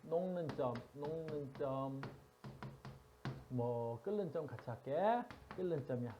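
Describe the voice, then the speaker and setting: Lively man teaching a class. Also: on the high side, moderate pace. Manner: lively, teasing, asks students constantly. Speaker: science teacher. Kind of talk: classroom lecture.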